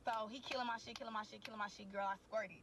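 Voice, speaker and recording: A young woman on a podcast, telling a candid story in a crude, slangy, animated way and talking straight to the listeners. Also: mid-range voice, quick pace, noisy background. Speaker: podcast co-host. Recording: voice a bit distant from the mic.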